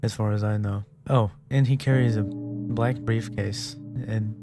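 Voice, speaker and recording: A man voicing a worried otter wife who hires a detective, read softly and hesitantly. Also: fairly low pitch, fairly even intonation, measured pace, over loud music.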